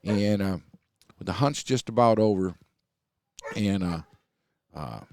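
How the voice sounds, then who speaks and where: Folksy low-voiced man telling dog stories. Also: slow pace, darkish tone, no echo, studio quality. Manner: folksy, rambling with many fillers. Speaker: coonhound kennel owner. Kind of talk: casual storytelling. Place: podcast recording session.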